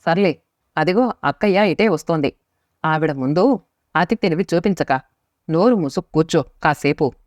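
A woman's voice: low voice, lively intonation, moderate pace, long pauses, a little mellow, no room sound. A woman narrator voicing a weary middle-aged husband who answers his wife curtly and with exasperation, in a storybook reading. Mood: pleading. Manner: exasperated, curt. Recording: dry, slightly muffled lo-fi recording.

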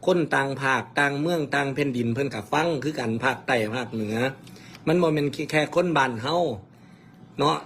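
A man's voice: medium pitch, brisk, a bit bright, slight background noise. A man with an Isan accent from the Khon Kaen area, a mor lam performer speaking earnestly to viewers in a casual livestream chat. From Isan, northeastern Thailand. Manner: earnest, lecturing viewers, plain-spoken.

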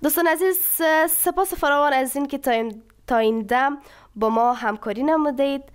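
High-voiced woman teaching English slowly. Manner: reads English sentences slowly, then explains each word in Dari. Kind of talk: bilingual vocabulary lesson.

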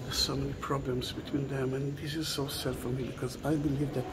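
A middle-aged man giving an unhurried walking tour of a large stone church, musing aloud and often dropping to a hushed whisper. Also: medium pitch, flat delivery, heavy background noise. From Israel. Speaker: tour guide. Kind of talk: walking video tour narration.

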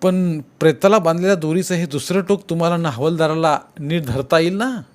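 A middle-aged police constable calls out urgent orders, as a male narrator acts him out. His voice goes up and gets loud and pressing. It is a storybook voice. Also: a little high, a little fast, pitched above the performer's own voice, lightly acted. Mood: urgent commands.

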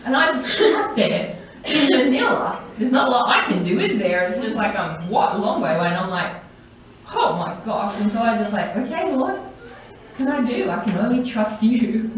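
A middle-aged woman church leader shares a personal testimony, telling it with animation and acting out the voices of the people in her story. Her voice sits a little high. It comes from some distance off the mic and rings through a large echoing hall, with a faint hiss behind. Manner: animated storytelling, acts out voices in quotes, laughs often. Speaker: church leader, women's day speaker. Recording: echoey hall, mic from far off, faint noise.

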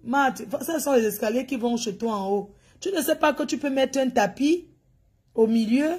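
A woman's voice: a little high, moderate pace, a little mellow, slightly rough. A woman hosts a gossip channel. She gives mocking commentary over a video and scolds and teases the person on screen directly. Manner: scolding, teasing, talks straight at the person on screen.

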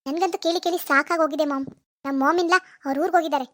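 A woman's voice: high-pitched, fairly even intonation, racing, no echo, close to an everyday voice. A woman voicing a spiteful, jealous young wife in a cartoon, whiny and scheming. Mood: complaining. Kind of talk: cartoon voice acting.

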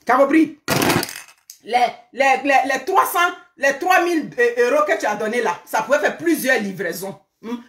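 A woman holds forth in a live online commentary, her voice pitched high as she scolds and repeats herself for emphasis. She keeps throwing out rhetorical questions. The room around her rings with echo. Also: fairly bright tone. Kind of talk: live social media commentary.

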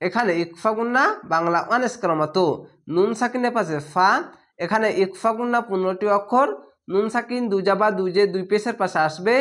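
A man teaching Quran reading, spelling out each syllable and drawing the words out in slow chanted recitation between plain explanations. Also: high voice, a bit bright.

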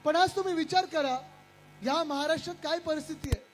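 A young man giving a loud rally speech as a politician, shouting over the crowd and talking straight to the people and the stage. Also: very high-pitched, fairly quick, soft background music. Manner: addresses the crowd and stage directly.

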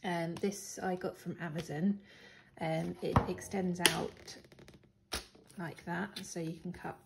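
This young British planner vlogger speaks slowly in a lowish voice with fairly even intonation while showing off her supplies. Croaky and clearing her throat, she sounds unsure, with lots of ums and gentle laughs. Her hard-floored living room gives the clip an echo and a faint noise floor.

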